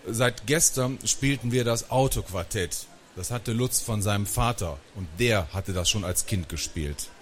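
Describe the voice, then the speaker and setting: A man reading a children's book aloud with expressive storytelling. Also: on the low side, unhurried. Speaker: reader.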